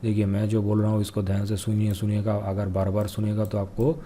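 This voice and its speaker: A young man teaching an exam-prep quiz lesson, repeating each answer and pressing viewers to comment quickly. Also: fairly low pitch, monotone, dark tone, slight background noise. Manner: reads English questions out slowly. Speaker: current affairs teacher.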